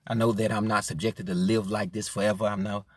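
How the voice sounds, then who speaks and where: A man preaching a sermon with passion, repeating his phrases and swinging from quiet to loud. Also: on the low side, level tone, a little fast, no room sound, studio quality. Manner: impassioned, repeating phrases, rising and falling in force.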